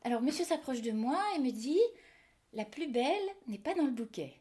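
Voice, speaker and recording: A woman's voice: sits high, lively intonation, moderate pace, heavy background noise. A woman with a French accent reading a naive young country maid with a coy, rustic manner.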